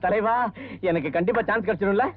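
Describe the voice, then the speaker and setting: A man's voice: high voice, fast talker. A male actor playing a gullible, eager young man in a film comedy, heard on a tinny old soundtrack. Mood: fretful. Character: naive eager young man, easily fooled. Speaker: comic actor in a film scene.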